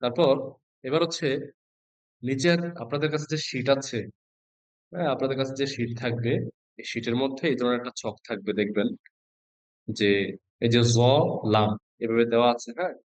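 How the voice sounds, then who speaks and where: A man's voice: mid-range voice, normal speed, pauses often, no room sound. Patient man teaching letters online. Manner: patient, asks students questions and spells out letters. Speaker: Quran reading teacher. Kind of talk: online class instruction.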